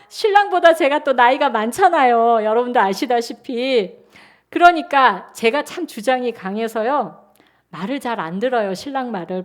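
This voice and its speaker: Woman pastor, 60s, high bright voice, lively chatty sermon storytelling. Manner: animated, chatty storytelling with acted-out quotes. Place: church sanctuary.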